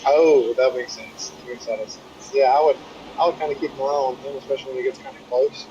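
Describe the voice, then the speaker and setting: A man's voice: medium pitch, steady tone, fast, warm tone, a little hiss or hum. A man giving color commentary on a race in a thoughtful, hesitant way, over a muffled bluetooth line. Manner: thoughtful, hesitant, repeats words. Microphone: bluetooth headset.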